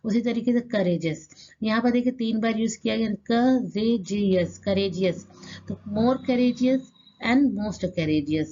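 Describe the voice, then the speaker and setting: A woman with a high-pitched, dark voice teaches English grammar in Hindi, slowly reading out rules and sounding out words syllable by syllable. She repeatedly poses rhetorical questions to the class. The recording's high frequencies are cut off.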